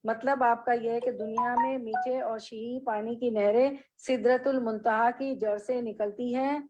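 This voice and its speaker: Woman giving a religious lesson, fairly high voice, reads arabic slow then explains and quizzes. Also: steady tone, lo-fi sound, background noise. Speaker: religious teacher.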